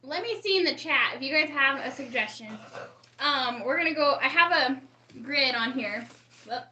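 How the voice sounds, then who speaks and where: A woman talks loosely and warmly to viewers on a home live stream, greeting them by name as they arrive. Her voice is bright and a little high. The room around her has a noticeable echo. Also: expressive, moderate pace. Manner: chatty, reads and greets viewers from the chat. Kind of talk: casual live-stream chat. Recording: roomy echo.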